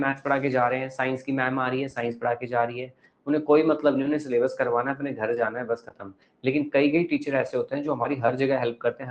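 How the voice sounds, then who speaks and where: A male teacher lecturing a class, asking the pupils questions and giving advice. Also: mid-range voice.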